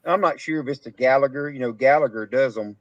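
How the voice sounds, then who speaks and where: A man's voice: medium pitch, quick pace, no echo. Texan man, cattle farmer hosting a live chat, rambling laughing storyteller, muffled lo-fi sound, dry. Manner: rambling, laughing storyteller with rural Southern grammar. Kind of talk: casual chat on a live stream. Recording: dull, dry lo-fi stream audio.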